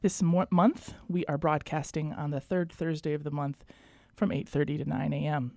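Soft-spoken woman hosting a radio program. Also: low voice, fairly even intonation, moderate pace, creaky, no room sound, soft background music. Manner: gentle, gracious, scripted introduction. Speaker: radio host. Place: radio studio.

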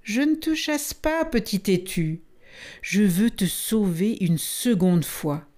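A woman's voice: mid-range voice, expressive, slow, a little mellow. A woman voicing a stern, protective male panther in a storybook, scolding and exasperated.

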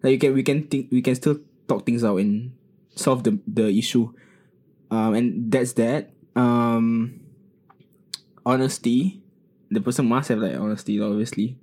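A man's voice: medium pitch, fairly even intonation, measured pace, pauses often, warm tone. A man with a Singaporean accent chatting casually, phrasing his thoughts hesitantly and mixing in words from another language. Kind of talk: casual group chat.

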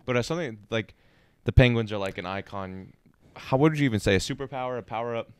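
A man's voice: medium pitch, fast talker, a little mellow, clear, resonant tone, no room sound. A young man co-hosting a podcast in casual, joking banter. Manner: joking, does goofy voice bits. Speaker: podcast co-host.

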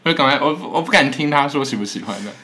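A man's voice: mid-range voice, racing, breathy edge. A young man co-hosting a podcast, chatting casually and telling stories with lots of laughter. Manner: animated storytelling, laughs often. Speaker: podcast co-host, singer-songwriter. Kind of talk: casual chat.

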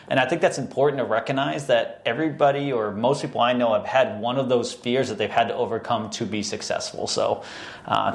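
A man with a Boston accent hosting a podcast in a casual, conversational style. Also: mid-range voice. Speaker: podcast host.

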